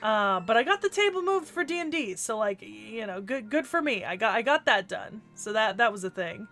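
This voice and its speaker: Over soft music, a congested woman with a cold livestreams a game, her voice on the high side, a bit bright, animated and fairly quick. Her chat is casual and rambling, full of restarts with the occasional swear.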